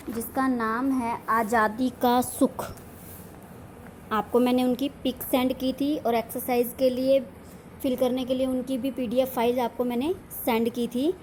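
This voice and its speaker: A woman teacher dictating a lesson to young pupils in a fairly high voice. She speaks slowly and deliberately, pausing after each word and explaining its meaning. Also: darkish tone, a little hiss or hum. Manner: slow, dictating words one at a time with explanations. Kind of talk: online class lesson.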